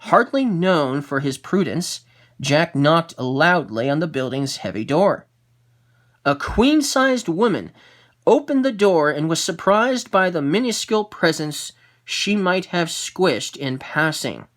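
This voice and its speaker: A storyteller reading a fairy tale aloud, expressive, with the odd small slip and restart. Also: medium pitch, slow pace.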